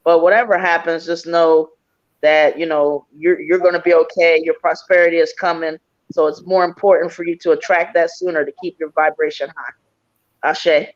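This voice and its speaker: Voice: medium pitch, little pitch movement, normal speed. A psychic reader on a live stream who talks in a soothing, reassuring way. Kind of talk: casual live-stream chat. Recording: dull lo-fi sound.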